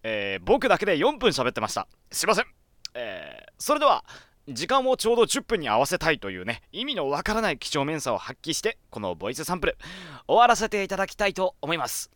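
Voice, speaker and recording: A man's voice: on the high side, huge pitch swings, fast, fairly bright tone, no echo, studio quality. A man presenting his voice sample in casual, apologetic, self-deprecating chat.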